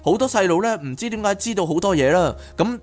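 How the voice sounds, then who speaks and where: A man, pitched a little above the usual male range, reads a book aloud and then slips into lively, chatty asides. He carries the talk as podcast host, with soft music playing faintly underneath. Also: fast talker. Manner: animated, chatty asides between reading. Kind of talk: reading a book aloud with commentary.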